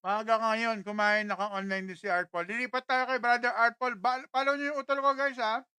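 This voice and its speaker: A man's voice: extremely high pitch, fairly even intonation, moderate pace, pushed and bright, smooth, dry recording, clean studio sound. A young Filipino man casually chatting on a livestream, reading out viewer comments and laughing often. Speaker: livestream host.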